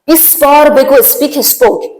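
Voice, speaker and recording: A woman teaching an English grammar lesson, chatty and playful, giving verbs voices and drilling word pairs slowly. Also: high-pitched, a little mellow.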